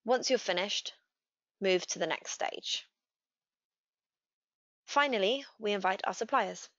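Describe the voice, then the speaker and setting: Woman reading a software how-to, steady and clear, dry a bit dull sound. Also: mid-range voice, no room sound. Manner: steady, clear step-by-step instruction. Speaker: customer success manager. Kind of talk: scripted software tutorial narration. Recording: dry, slightly dull voice-over.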